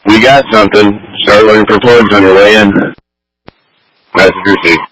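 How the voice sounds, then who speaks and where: A man's voice: on the low side, fairly even intonation, normal speed, a bit bright, poor audio. A man speaking as a firefighter incident commander in urgent, clipped commands over fire department radio. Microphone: two-way radio.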